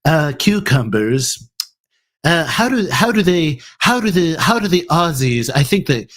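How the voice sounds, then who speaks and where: A cartoon baby boy puts on a broad bogan Australian twang, as a man attempts the impression. The voice sits a bit higher and crawls along slowly. It stumbles, restarts and trails off. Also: sing-song, a bit bright, exaggerated voice. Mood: fumbling. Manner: halting, fumbling attempt at an impression.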